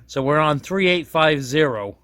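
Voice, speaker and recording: A product reviewer walks through a radio in a casual, unscripted, hands-on way, folksy and self-deprecating, often rambling and correcting himself. His voice is a little high and sharp in tone, with lively intonation and a moderate pace. Recording is dry, with clean studio sound.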